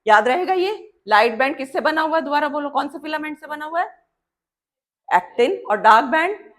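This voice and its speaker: Female biology teacher, fairly high voice, quizzes the class and repeats terms slowly while she draws. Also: expressive, fairly bright tone. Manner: asks students questions and answers them. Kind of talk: classroom lesson with drawing.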